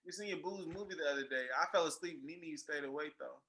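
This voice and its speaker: A man's voice: a little high, fast talker, sharp tone. A man joking and teasing his friends in a casual group chat. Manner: teasing, jokey banter.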